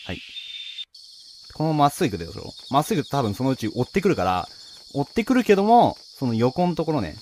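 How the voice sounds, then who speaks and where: A man's voice: medium pitch, very animated, fast talker, darkish tone, a little hiss or hum. A man giving casual, nervous, pleading commentary as he plays a horror game, talking to himself and his viewers. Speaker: video game player and commentator.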